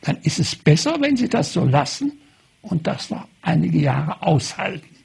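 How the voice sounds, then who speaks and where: A man's voice: on the high side, very animated, normal speed, vocal fry, a little mellow, breathy edge, exaggerated voice. A man doing a brusque, haughty woman eye doctor. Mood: curt. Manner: brusque, commanding.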